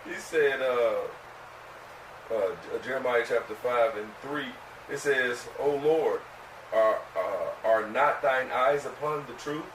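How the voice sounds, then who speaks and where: A man taking part in a bible study, reading a verse haltingly and adding casual remarks and short agreements. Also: mid-range voice, fairly bright tone. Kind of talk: casual group discussion. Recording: roomy room, distant mic, faint noise.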